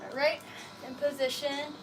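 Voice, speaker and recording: Female aerobics instructor, high voice, unhurried pace, casual and encouraging as she cues and counts. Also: flat delivery, noisy background. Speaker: fitness instructor leading a live workout. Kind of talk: aerobics instructor coaching, counting reps aloud. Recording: music playing behind the voice.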